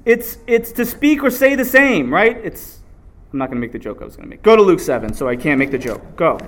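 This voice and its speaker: A man with a fairly quick, high-sitting voice preaches a sermon in an animated call-and-response style. He reads scripture aloud and draws answers back from the congregation.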